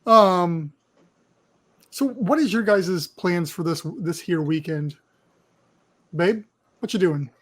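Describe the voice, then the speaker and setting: Man, high voice, podcast co-host, rambling, lots of fillers. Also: slow, pauses often. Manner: rambling, with many fillers and restarts. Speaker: podcast co-host leading the show. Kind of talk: casual chat.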